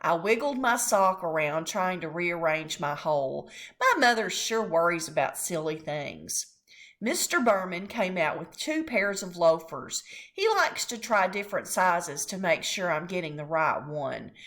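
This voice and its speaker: A woman reading a children's chapter book aloud, expressive and storytelling. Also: on the low side, unhurried.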